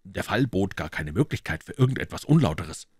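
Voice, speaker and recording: A man reading an audiobook, voicing a doctor who speaks in a calm, assured way. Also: low voice, brisk, breathy edge, no room sound, clean studio sound, full character voice. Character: reassuring male doctor, calm. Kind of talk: audiobook character voice.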